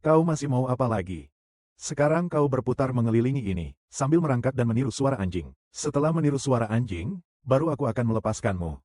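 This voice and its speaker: A man plays a rich young heir who is cruel and arrogant, in a dubbed short drama. He gives his orders in a mocking tone, at a middle pitch. The voice is dry and close. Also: expressive, quick pace, a little mellow, no echo, close to an everyday voice. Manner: mocking, commanding.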